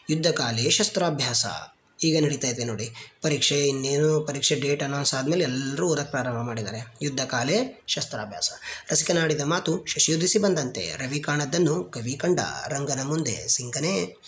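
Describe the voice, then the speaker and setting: A man's voice: mid-range voice, slight background noise. A man teaching, reading a long list of proverbs aloud for students preparing for an exam, and repeating lines to correct his slips.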